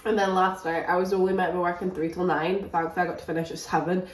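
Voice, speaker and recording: A woman with a lowish voice talks in a level tone at a racing pace, with a little hiss or hum in the background. She's a book vlogger chatting casually at home in her kitchen with a stuffy cold, rambling and chatty with lots of fillers. The room is echoey and the mic sits at a distance.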